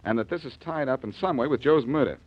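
An actor in an old radio show playing a sharp, confident amateur detective. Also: male voice, mid-range voice, lively intonation, quick pace, lo-fi sound, close to an everyday voice. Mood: brisk, curious. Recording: old radio recording with faint noise.

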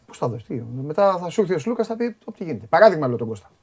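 A man hosting a sports radio show, chatting casually and teasing his guests, with quick restarts. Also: sits high, very animated, a little mellow. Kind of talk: casual chat.

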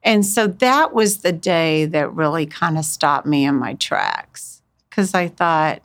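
A woman telling stories as a podcast guest, expressive and folksy, often acting out what people said. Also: low voice, slow pace. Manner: folksy, expressive, uses quoted dialogue. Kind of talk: animated conversational storytelling.

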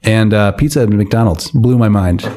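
A man hosting a casual podcast chat, playful and jokey with drawn-out asides. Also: fairly low pitch, mellow, slight background noise. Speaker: podcast host.

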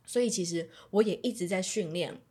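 A woman's voice: lowish voice, a little fast, mellow, breathy edge. A woman in her thirties chatting earnestly and agreeing often, retelling family moments with some animation. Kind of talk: casual chat.

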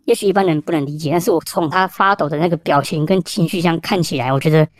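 A man with a Taiwanese Mandarin accent, a police officer telling stories in a rapid, animated way, mixing in Hokkien phrases. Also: on the high side, dry recording, clean studio sound. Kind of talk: casual storytelling.

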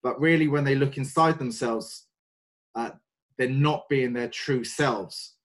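A North London man in his forties appears as a podcast guest, working as a sales and mind coach. He speaks slowly and thoughtfully at a middle pitch with a fairly bright tone, hesitating often and filling pauses with "um" and "uh."

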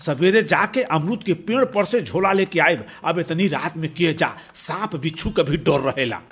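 A crafty village husband with a husky, breathy edge and a Bhojpuri accent, put on by a man telling the story. He talks in a sly, teasing way and sits high for a male voice. It suits a spoken storybook. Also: lively intonation, moderate pace, a bit bright. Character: clever scheming village husband.

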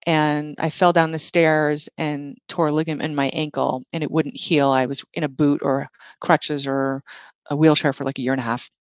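A woman in her forties telling her story as an interview guest, animated, laughing often and saying "like" and "right". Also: low voice, moderate pace, no room sound.

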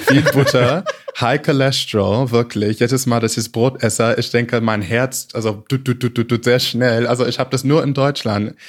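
A man's voice: mid-range voice, fairly even intonation, normal speed. A young American man from Michigan speaking German as a second language over a video call. He hesitates, uses lots of fillers and corrects himself mid-word. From USA, Michigan. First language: English. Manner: hesitant non-native German with many fillers and self-corrections. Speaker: podcast guest. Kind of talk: casual interview chat.

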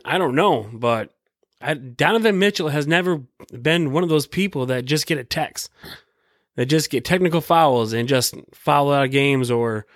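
A man's voice: fairly high pitch, dry recording, studio quality. An American man hosting a solo podcast with casual, rambling sports commentary, repeating himself and swearing freely in slangy talk. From Michigan, United States. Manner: rambling and repetitive. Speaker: podcast host.

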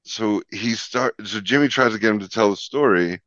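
A man with a very low voice tells backstage stories in an animated, casual way, laughing often and acting out the people in them. The recording is dry and a little dull. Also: normal speed, no room sound. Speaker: guest, talk show segment producer. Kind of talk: casual storytelling chat.

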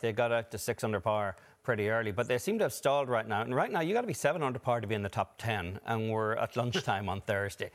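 A man giving golf commentary and analysis as a co-commentator, in a measured, analytical way. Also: on the low side.

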